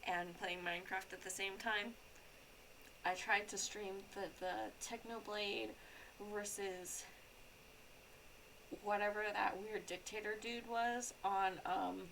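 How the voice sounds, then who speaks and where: A woman's voice: medium pitch, creaky, a bit bright, a little hiss or hum, rough recording. A young adult woman streamer chatting casually while playing a game, rambling with lots of fillers and restarts.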